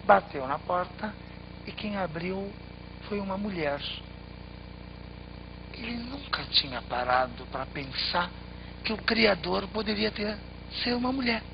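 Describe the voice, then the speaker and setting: A man telling a traditional tale with expressive, dramatic pauses. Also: sits high, vocal fry. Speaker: storyteller. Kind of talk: oral storytelling. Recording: slightly muffled, faint background noise.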